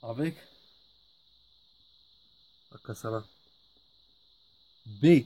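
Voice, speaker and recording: A man's voice: medium pitch, very slow, mellow, breathy edge, no echo. A man teaching a lesson in French, patiently repeating each word. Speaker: Arabic teacher. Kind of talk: slow spoken lesson.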